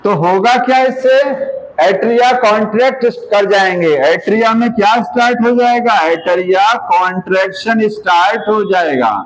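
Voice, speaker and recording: A male teacher giving a classroom lecture, drilling key terms and constantly checking the students with quick questions. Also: high-pitched, slight background noise, low-quality recording.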